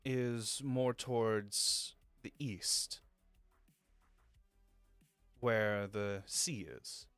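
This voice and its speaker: Slow, hesitant male game master. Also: lowish voice, steady tone, a bit bright, smooth, dry recording, faint music behind. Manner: hesitant, many fillers, laughs easily. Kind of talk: narrating a tabletop game on stream.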